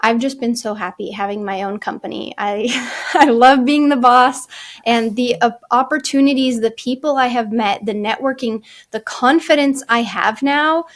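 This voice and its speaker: This woman in her thirties has a voice on the high side and talks at a normal speed. She's a Czech-born, California-raised architect and firm founder appearing as a guest in a casual interview, chatty and full of fillers and restarts, often saying "like" and "you know".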